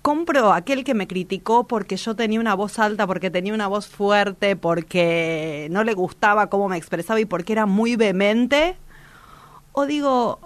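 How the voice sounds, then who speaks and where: A woman's voice: mid-range voice, normal speed, dry recording. A woman radio host, giving a reflective motivational talk in a strong, powerful voice, direct and vehement with many restarts.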